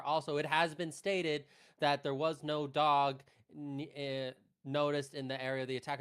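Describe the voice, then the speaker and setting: Clear-voiced man playing a defense lawyer. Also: mid-range voice, fairly bright tone. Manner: formal, objecting. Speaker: defense attorney in a mock trial. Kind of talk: mock trial role-play.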